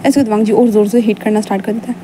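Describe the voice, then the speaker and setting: A woman's voice: medium pitch, little pitch movement, racing, warm tone, a little hiss or hum, poor audio. A woman casually narrating a fan fiction story in a chatty, informal way. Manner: chatty, informal, many restarts and fillers.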